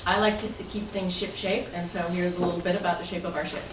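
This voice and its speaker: Fast but steady in tone, a woman with a low voice gives an informal presentation as club president, joking and inviting answers from those at the meeting. The distant mic captures plenty of echo and noise from the room.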